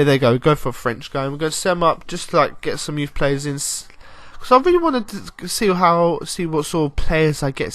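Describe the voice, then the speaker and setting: A young man giving casual, rambling commentary over a football video game, with excitable bursts and mild swearing. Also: a little high, no echo. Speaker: gaming YouTuber.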